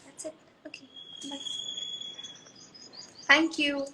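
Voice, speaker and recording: A woman's voice: high-pitched, level tone, extremely slow, noisy background. A young woman casually chatting with viewers on a phone live stream, playful and mixing Hindi with English. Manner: chatty, playful, mixes Hindi with English, frequent fillers and laughs.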